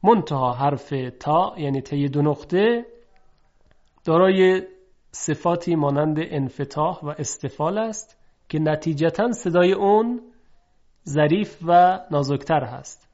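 A man teaching Quranic letter pronunciation. He explains quickly, then says each example word slowly and clearly twice. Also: a little high, a little mellow, muffled recording. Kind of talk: pronunciation lesson with slow drawn-out examples.

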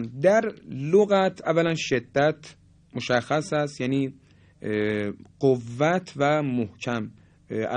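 A man teaching a lesson on how letters are pronounced, speaking deliberately and politely and sounding out examples aloud. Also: mid-range voice. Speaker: Quran recitation teacher. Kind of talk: explanatory lesson on letter articulation.

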